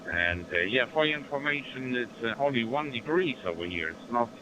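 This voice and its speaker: Over a noisy radio link with background hum, a German-accented man chats during an amateur radio contact, sticking to stock operator phrases. His mid-range voice is animated and brisk, and the sound is lo-fi.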